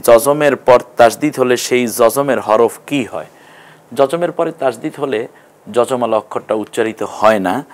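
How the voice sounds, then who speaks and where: Patient man sounding out syllables. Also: mid-range voice. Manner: slow, drawn-out syllable-by-syllable sounding out; patient, explanatory. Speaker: Quran reading teacher. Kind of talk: TV classroom lesson.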